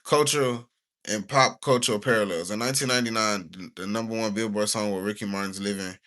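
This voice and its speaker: A man's voice: on the low side, steady tone, fast talker, fairly bright tone. A young man from the United States, talking casually on a livestream. He rambles in slang and sometimes reads stiffly from notes.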